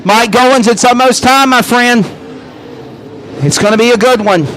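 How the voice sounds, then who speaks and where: High-pitched male hype race announcer. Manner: hype announcer delivery, rousing and drawn-out. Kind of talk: live dirt-track racing commentary. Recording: track noise behind the voice.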